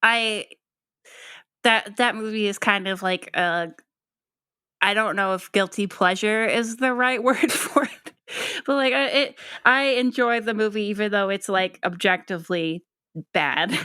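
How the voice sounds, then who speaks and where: A woman's voice: medium pitch, a little slow, bright, forceful tone, clean tone, dry recording, clean studio sound. A woman co-hosting a film podcast in casual chat, using lots of fillers and laughing at her own points. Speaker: podcast co-host.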